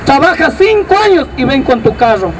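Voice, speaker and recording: Man, Ecuadorian accent, street comedian, high-pitched, far from mic, loud crowd and traffic. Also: big pitch swings, moderate pace. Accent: Ecuadorian Spanish. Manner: rowdy, crude, addresses crowd as brother. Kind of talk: outdoor street comedy routine.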